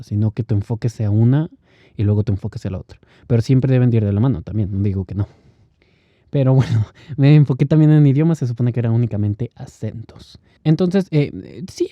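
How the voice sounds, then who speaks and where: A man hosts a podcast alone, thinking aloud in a loose, easygoing way and laughing between points. His voice sits at an ordinary middle pitch. The recording is dry and a little muffled, with a lo-fi edge. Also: no echo. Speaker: podcast host. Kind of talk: solo podcast monologue.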